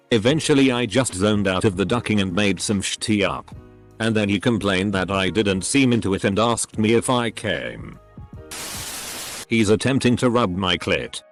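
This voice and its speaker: A man reading out online posts in a flat, machine-like way, spelling some words letter by letter. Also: on the low side. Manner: reads abbreviations letter by letter, odd phrasing. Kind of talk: flat text-to-speech reading.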